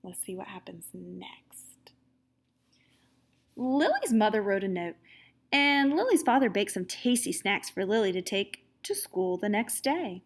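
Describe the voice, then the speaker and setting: A woman teacher with a mid-range voice reads a story aloud to young children, animated and expressive, stopping now and then to chat with them.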